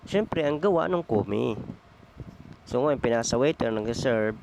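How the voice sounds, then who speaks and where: A man's voice: medium pitch, expressive, measured pace, gravelly, background noise. A man preaching a conversational Bible sermon, often asking his listeners tag questions and mixing in English phrases with many hesitations. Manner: addresses listeners as brethren, asks frequent tag questions.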